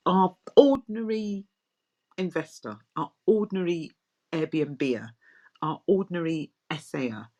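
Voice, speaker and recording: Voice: mid-range voice, poor audio. A host thanking the guest and asking a question, stopping to search for words with many "um"s. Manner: warm thanks, halting with fillers while searching for words. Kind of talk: interviewer chat.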